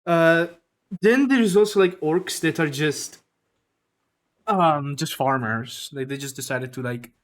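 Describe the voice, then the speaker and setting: A man's voice: a little high, slow. A man, chatting casually and laughing often while he draws on a live stream. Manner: laughing often, loose and joking. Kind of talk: casual chat while drawing.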